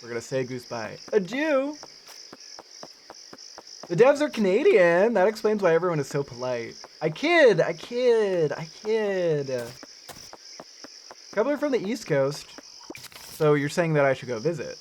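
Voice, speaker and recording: Playful streamer with an animated voice. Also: mid-range voice, a little fast, slight background noise. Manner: playful, goofy, talks to chat. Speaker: game streamer. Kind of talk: casual live game commentary.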